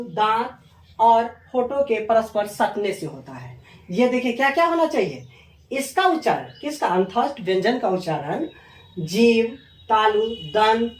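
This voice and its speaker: A woman teaching a grammar lesson. She spells out letters one by one and asks questions that she answers herself. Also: on the high side. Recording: echoey room from a distance.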